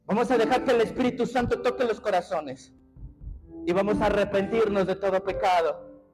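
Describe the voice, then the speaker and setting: High-voiced pastor preaching over music. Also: male voice, brisk, rough recording. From Mexico. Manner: impassioned preaching, often shouting to the congregation. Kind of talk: sermon. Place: church sanctuary.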